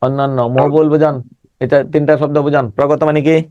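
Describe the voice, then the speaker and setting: A man's voice: fairly high pitch, flat delivery, brisk, mellow, dry recording, highs cut off. A male teacher giving an online exam-prep class, emphatic, repeating words and sounding them out syllable by syllable.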